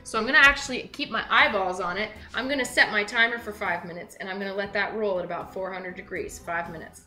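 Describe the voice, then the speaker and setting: A chatty, upbeat young woman hosts a home cooking lesson, talking casually while she works. Her voice is bright and forceful. It rings through a large, echoey kitchen over faint background music. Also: medium pitch, quick pace. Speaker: web cooking show host.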